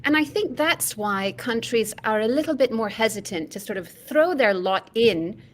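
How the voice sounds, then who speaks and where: A woman from Indonesia speaking in a measured, reflective way on an opinion panel, often adding "you know". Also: fairly high pitch, animated. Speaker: opinion columnist. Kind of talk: panel discussion.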